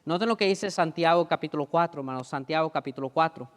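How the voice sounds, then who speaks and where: A man's voice: a little high, fast talker, in a large hall. A man preaching a sermon as pastor in a conversational way, often checking in with the congregation and repeating phrases for emphasis. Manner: conversational preaching, keeps asking "¿verdad?". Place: church sanctuary.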